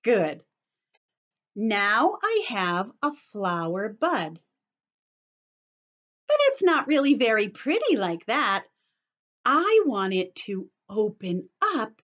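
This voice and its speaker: Hosting an online story time, this teacher speaks at medium pitch, very animated and slow, pausing often, with the highs cut off. She guides young children through a craft step by step in plain, patient language, with a sing-song lilt and frequent check-in questions, captured by her computer's built-in camera and mic.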